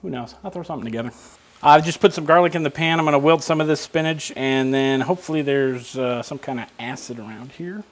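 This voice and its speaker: A man's voice: a little high, fast. A man hosting a casual cooking show from a home kitchen, explaining each step with joking asides. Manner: chatty, joking asides while explaining steps.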